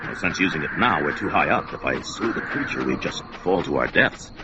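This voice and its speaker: Conan, a gruff barbarian warrior. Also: male voice, very deep voice, lively intonation, brisk, heavy background noise. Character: brash barbarian warrior hero, blunt and fearless. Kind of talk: old-time radio drama acting. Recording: dull old radio recording with music score.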